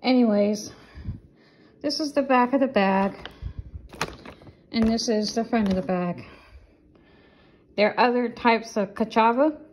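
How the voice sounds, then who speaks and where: A woman's voice: fairly high pitch, a little slow, long pauses, a little mellow, slight background noise, rough recording. A woman talks through a product in a loose, chatty show-and-tell, a little short of breath. She rambles, trips over words and goes back to fix them. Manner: rambling, stumbles and corrects herself. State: slightly out of breath. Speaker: product reviewer.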